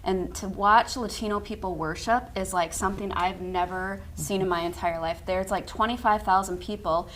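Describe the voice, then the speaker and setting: A woman's voice: medium pitch, fairly even intonation, normal speed, hardly any pauses, fairly bright tone, slight background noise. A woman radio guest speaking passionately and gushing, with frequent fillers. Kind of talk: talk radio interview.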